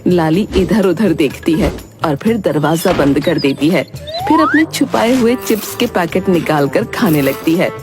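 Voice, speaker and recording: A woman's voice: on the low side, animated, a little slow. Woman narrating a cartoon story. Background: background music.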